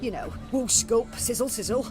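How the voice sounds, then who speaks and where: Actress as excitable, high-voiced village mother. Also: a little fast, close to an everyday voice. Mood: excited. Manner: chatty, indignant, dramatic. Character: excitable, proud mother of the bride, village wife. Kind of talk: video game voice acting. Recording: game music and crowd behind the voice.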